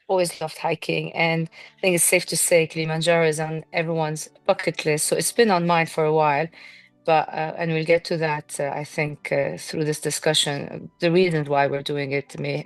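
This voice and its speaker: Guest, woman, thirties, from Lebanon; measured, filler-heavy; deep voice, dry sound, faint music. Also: dry recording. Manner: warm, measured, with many fillers. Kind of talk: casual interview chat.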